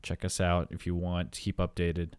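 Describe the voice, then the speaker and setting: A man's voice: low-pitched, completely flat delivery, moderate pace, darkish tone, clear, resonant tone, no echo. A man co-hosting a podcast, chatting casually and rambling, with repeated words and casual swearing. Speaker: podcast co-host. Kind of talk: casual chat.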